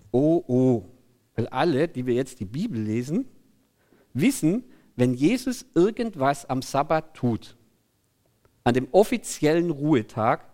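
A man preaching a sermon in an animated, conversational way, often breaking in with 'hey'. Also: mid-range voice.

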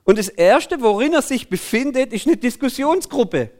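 Preacher guy, high voice, all over the place with pitch, chatty sermon with lots of hey and ja. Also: moderate pace. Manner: animated, conversational, frequent 'hey' interjections.

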